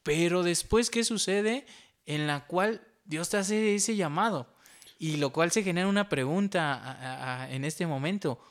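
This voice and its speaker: A man's voice: on the high side, measured pace. A man hosting a faith interview, summing up and finishing his guest's sentences with emphasis.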